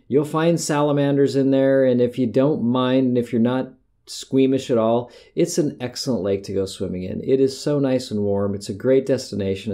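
Rambling, mellow-voiced middle-aged man. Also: medium pitch. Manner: rambling, conversational, self-correcting. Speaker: podcast host. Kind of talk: casual monologue.

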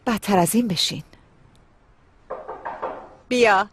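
A woman's voice: medium pitch, natural voice. A woman dubbing a haughty lady of the house who snaps at her maid. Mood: scornful. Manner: scornful, snappy.

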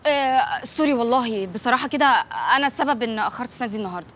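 An actress playing a flustered coworker who fibs to cover for a friend, speaking with an Egyptian accent. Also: female voice, on the high side, rapid-fire, a bit bright, slight background noise, close to an everyday voice. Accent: Egyptian Arabic. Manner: flustered, fibbing.

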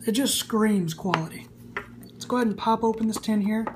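A man's voice: sits high, brisk. A man in his twenties giving a casual, enthusiastic product review, recorded indoors on a camera. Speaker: snus reviewer. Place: small room indoors. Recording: faint background hum.

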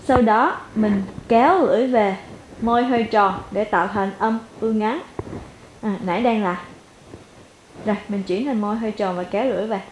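A woman with a Vietnamese accent teaching English pronunciation, repeating each word slowly and deliberately for practice. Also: medium pitch. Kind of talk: pronunciation lesson. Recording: echoey room with faint noise.

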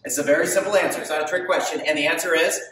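A pastor in his thirties gives an emphatic sermon from the stage of a big indoor hall, gesturing widely and putting questions to the congregation. His voice is high, slightly bright and racing. The mic is far away and the hall echoes heavily.

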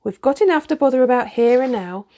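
A woman's voice: high voice, animated, fast, mellow, voice pushed up. A woman reading a practical, cautious schoolgirl. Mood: anxious. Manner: practical, slightly worried. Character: sensible, cautious girl, older sister.

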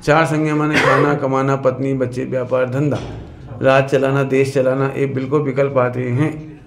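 A man giving a sermon in a lively, questioning way, who sometimes sings verse lines. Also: mid-range voice, moderate pace. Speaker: religious teacher. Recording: echoey hall with some noise.

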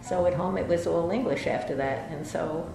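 An older New York woman reminisces about her past in a casual interview, unhurried and full of hesitations and restarts. Her voice is lowish and creaky, recorded in an indoor library room lined with bookshelves, with roomy echo and music underneath.

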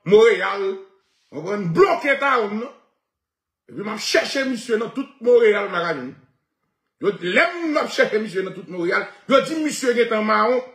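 A man telling a boastful story in an animated rant, laughing often as he talks. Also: high-pitched, a little slow, reverberant. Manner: animated, laughing, switching between Haitian Creole and French.

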